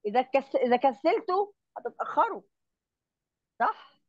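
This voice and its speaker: An Egyptian-accented woman tutors grammar over a video call, her voice pitched a little high and sounding dry and close. She explains each point step by step and keeps asking whether her student follows. The call audio is somewhat muffled and lo-fi. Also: big pitch swings, moderate pace, a little mellow, dry recording. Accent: Egyptian Arabic. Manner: explains step by step, checks understanding often. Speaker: Arabic grammar teacher. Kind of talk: online tutoring lesson.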